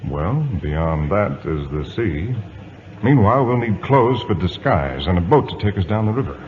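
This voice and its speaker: An actor playing a resolute, courteous British naval captain in measured, commanding old-time radio drama style. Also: male voice, sits low, sing-song. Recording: muffled old radio broadcast, reverberant, hissy.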